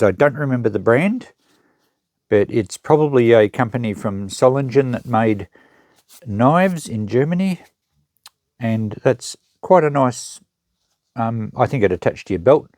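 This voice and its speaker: An Australian host of an unboxing channel, who sells secondhand goods, shows items and thinks aloud in casual, matter-of-fact, unscripted show-and-tell. He speaks a little slowly with long pauses, his medium-pitched voice expressive and a little mellow, in a dry, studio-quality recording.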